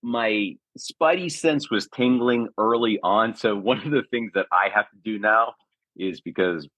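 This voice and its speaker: A man's voice: fairly low pitch, a little slow, a bit bright, no echo. A man chatting as a podcast guest, laughing easily and explaining his points patiently. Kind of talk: casual chat.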